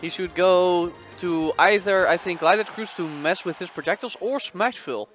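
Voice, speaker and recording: High-voiced man calling a fighting game. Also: normal speed, fairly bright tone, faint music behind. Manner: casual, analytical play-by-play with laughs. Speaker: esports commentator. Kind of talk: live game commentary.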